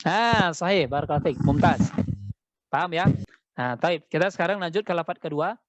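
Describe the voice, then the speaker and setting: A man teaching Quran recitation in an online class, chanting verses slowly and then explaining them quickly, heard over dull call audio. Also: fairly high pitch, expressive, dry recording. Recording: dull, lo-fi dry sound.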